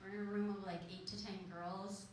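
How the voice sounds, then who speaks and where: A woman's voice: mid-range voice, flat delivery, brisk. Giggly young woman doing stand-up. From Michigan, USA. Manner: bubbly, giggly storytelling with many ums. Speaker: stand-up comedian. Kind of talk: stand-up comedy set. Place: comedy venue with live audience. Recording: echoey room from far off, noisy.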